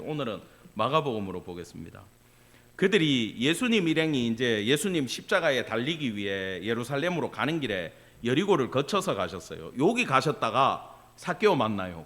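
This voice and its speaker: A man preaching a sermon as pastor, swinging between quiet asides and loud cries, with casual spoken asides to the congregation. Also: medium pitch.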